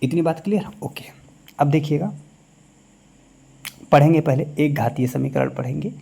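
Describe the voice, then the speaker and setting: A man teaching a maths lecture in a classroom style, who keeps pausing to ask the class quick check questions. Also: a little high, creaky, warm tone, husky.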